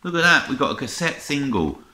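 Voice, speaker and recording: Speaking fairly quickly at medium pitch with big swings, a middle-aged vlogger casually shows his music haul to camera, unscripted, muttering and exclaiming as he browses. He's indoors among shelves of records, and the sound has roomy echo, light noise, and handling clicks.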